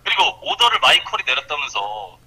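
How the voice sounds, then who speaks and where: A man on a stream teasing a friend, calmly asking why again and again. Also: medium pitch, brisk, slightly rough, low-quality recording. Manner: needling, keeps asking why. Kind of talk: teasing casual chat.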